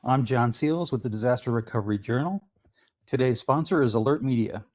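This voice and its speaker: A man's voice: mid-range voice, brisk, a little mellow. A man hosting a webinar series, reading a formal introduction. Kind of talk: scripted webinar opening. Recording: slightly dull audio.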